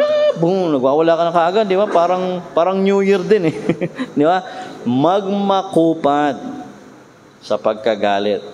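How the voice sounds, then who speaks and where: A man preaching a sermon as pastor in a conversational way, often asking his listeners "right?" and slowing down to read scripture. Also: high voice, darkish tone, in a large hall, muffled recording, a little hiss or hum.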